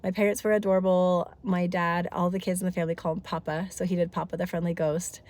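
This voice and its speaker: A woman's voice: on the low side, flat delivery, quick pace, a little mellow. A woman in her thirties chatting casually in a family vlog, congested from a head cold, talkative and rambling with lots of asides. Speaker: family vlogger.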